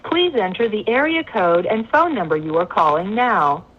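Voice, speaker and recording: A woman's voice: medium pitch, lively intonation, moderate pace. A woman's recorded voice giving automated prompts on a prison phone line, in a clipped and formal way. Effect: automated prison phone line message. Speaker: automated jail phone system announcer. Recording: dull lo-fi phone line with faint hiss.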